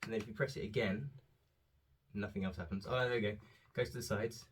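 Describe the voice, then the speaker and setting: A man's voice: lowish voice, steady tone, a little fast, husky. Chatty man rambling at home. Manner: chatty, rambling, frequent ums. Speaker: father showing holiday purchases. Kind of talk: casual haul vlog.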